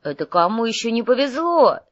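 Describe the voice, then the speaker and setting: A woman's voice: medium pitch, animated, moderate pace, dry recording, dull audio, close to an everyday voice. A woman voicing a lazy, always-hungry male fortune-teller mage who whines and teases. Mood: whining. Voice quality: whiny, teasing.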